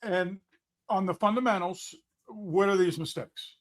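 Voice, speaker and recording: A man hosting an interview, introducing his guest and asking brisk, direct questions. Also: high voice. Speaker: host.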